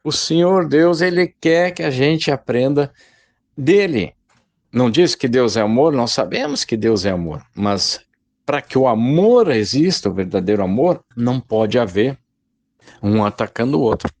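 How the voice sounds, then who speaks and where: A man preaches in a loose, conversational way, often turning to his listeners as brothers. His voice has a gravelly, fried edge. The sound is close and dry, with no room around it. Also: mid-range voice, lively intonation, a little slow, a little mellow, no room sound. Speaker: lay preacher. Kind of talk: informal spoken sermon.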